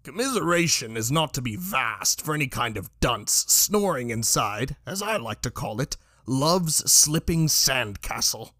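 A man voicing a male creature with a horrible, smoke-ravaged, raspy voice and pompous, old-fashioned phrasing. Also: mid-range voice, sing-song, measured pace, hardly any pauses, pushed and bright, dry recording, clean studio sound, exaggerated voice. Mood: ominous.

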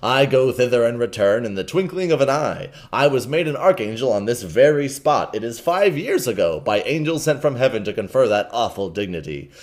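A man's voice: mid-range voice, sing-song, a little fast, few pauses, natural voice. A man voicing an unhinged old male hermit monk who preaches in solemn archaic speech and swings into bitter rage. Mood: awed.

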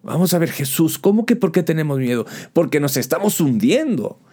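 A man's voice: on the high side, big pitch swings, fairly quick, mellow, breathy edge, pitched above the performer's own voice. A man voicing frightened male disciples in a storm-tossed boat, firing off exasperated, pleading questions at their master. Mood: panicked, reproachful.

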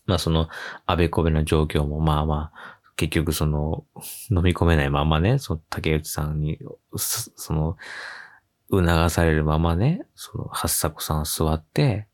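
A man hosting a casual solo radio show, telling a funny story with lively acted-out quotes and frequent laughs. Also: extremely low pitch, a little slow. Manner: animated storytelling, acting out quoted voices with laughs. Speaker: podcast host.

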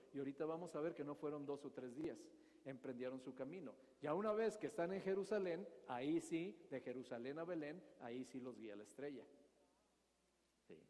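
A man teaches a sermon from the Bible and keeps turning questions back to his listeners. His voice sits high for a man. The sound carries a long reverb from a hall. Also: mellow. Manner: asks the audience questions and acts out scenes. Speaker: preacher.

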